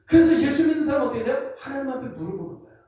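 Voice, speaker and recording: High-voiced preaching man in echoey hall. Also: lively intonation, racing, mellow, distant mic. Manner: conversational preaching, acts out dialogues, rhetorical questions. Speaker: senior pastor. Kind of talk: sermon training church officers. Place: church sanctuary.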